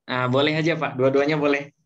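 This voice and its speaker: A man's voice: mid-range voice, level tone, brisk. A man teaching Arabic grammar to a class, patiently repeating each point and leaving gaps for students to finish his words. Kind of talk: slow classroom lesson. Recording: dull lo-fi recording, faint noise.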